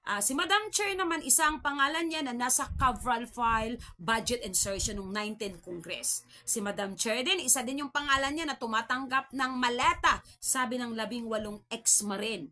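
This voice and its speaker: Filipina vlogger lady, bright sharp voice, chatty and mocking, keeps asking right?. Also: a little high, moderate pace. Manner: chatty, frequent tag questions, mocking laughs. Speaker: vlog host. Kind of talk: casual political commentary.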